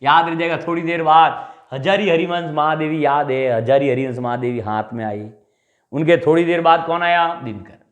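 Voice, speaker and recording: A man teaching a Hindi exam class, drilling memory tricks with animated repeated questions and answers. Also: on the high side, moderate pace, reverberant. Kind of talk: mnemonic lecture.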